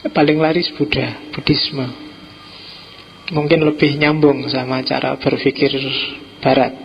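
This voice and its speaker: A middle-aged man with a Javanese accent giving an informal, relaxed philosophy lecture to a class, teasing his listeners now and then. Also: mid-range voice, measured pace, creaky, muffled recording, a little hiss or hum. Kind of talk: informal lecture to a live audience.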